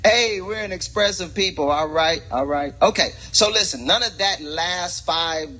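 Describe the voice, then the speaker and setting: A man hosting a casual talk show, rambling and preachy with lots of fillers, in a husky voice. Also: high-pitched, moderate pace, bright, forceful tone, muffled recording. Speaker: podcast host and preacher. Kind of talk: casual chat.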